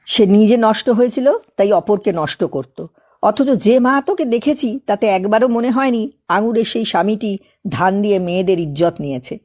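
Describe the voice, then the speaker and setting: Female narrator for a literary audiobook, measured and reflective, mid-pitched. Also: a little mellow. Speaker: audiobook reader. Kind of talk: reading a literary novel aloud.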